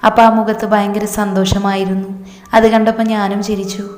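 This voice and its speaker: A woman narrating a romantic story in the first person, reading calmly and steadily. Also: medium pitch, a little fast. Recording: echoey room with long reverb.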